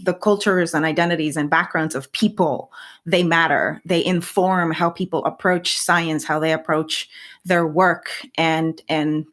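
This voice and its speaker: This podcast interview features a thirtysomething Puerto Rican scientist, Spanish her native tongue, with a low, slightly bright voice. Her intonation stays fairly even at a measured pace, and her reflective answers are full of restarts and repeated words.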